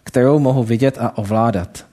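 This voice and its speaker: A man's voice: medium pitch, mellow, lightly acted. A man reading the lines of a proud warrior king in a told story, raising his voice for the king's questions. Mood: firm.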